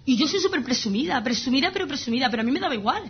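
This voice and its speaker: Woman in her 30s talking fast and animated, highish voice, kinda dull lo-fi sound. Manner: animated, emphatic storytelling. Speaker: guest sharing her illness story. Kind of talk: casual conversation.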